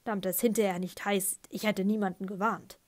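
A woman's voice: mid-range voice, fairly even intonation, a little fast, natural voice. A woman voicing a smug male thriller author who justifies himself, in an audiobook.

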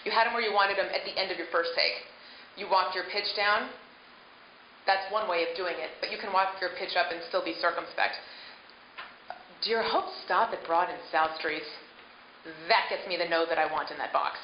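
A woman's voice: lowish voice, fairly even intonation, a little fast. A middle-aged woman giving instructional workshop talk as a voice acting coach, with emphatic delivery. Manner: emphatic, demonstrating script lines. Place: hotel conference room stage. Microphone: handheld microphone. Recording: echoey, dull hotel room recording with hiss.

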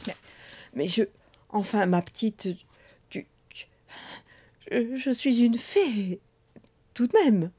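A soft-voiced fairy lady trips over her words, hesitant and easily rattled, as a woman puts her on. The voice stays mellow and warm, slowing and faltering between halting phrases. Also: a little high, husky. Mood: flustered. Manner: hesitant, stammering. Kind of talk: storybook reading.

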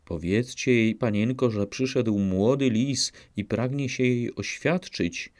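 A man's voice: medium pitch, unhurried, a little mellow, close to an everyday voice. A man voicing a young male fox suitor, polite and speaking in rhyming courtship lines in a storybook reading. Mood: courtly.

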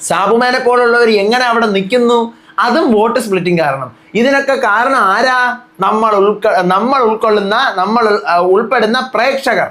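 A man's voice: high-pitched, moderate pace, sharp tone. A young man reviewing a reality show to camera in a heated, casual way, firing rhetorical questions at his viewers and scolding them.

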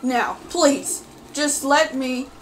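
A woman reacting live to her gameplay, excitably pleading and yelling at the screen, with faint game music behind her. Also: high voice, extremely slow, slight background noise. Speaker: gameplay video host. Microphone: desk mic.

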